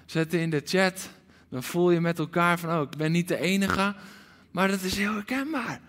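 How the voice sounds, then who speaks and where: A man preaching a livestreamed sermon with passion, moving from loud pleading calls to hushed, almost whispered lines. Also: high voice, normal speed. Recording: long hall reverb.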